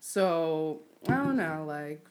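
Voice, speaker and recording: A woman chatting candidly and bluntly, with frequent swearing and laughter, her pace speeding up and slowing down. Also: low voice, expressive, darkish tone. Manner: frank and profane, laughs often, pace shifts. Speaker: podcast guest sharing her work. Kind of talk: candid casual chat.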